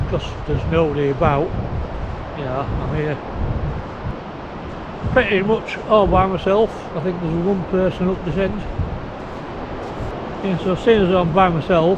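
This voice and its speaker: A higher-voiced man chats casually to his camera, talking a little oddly through a sore, toothachy mouth full of new teeth. He is outdoors on a beach, and the muffled audio carries plenty of wind and noise. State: sore mouth, in pain after tooth extraction. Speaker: video blogger.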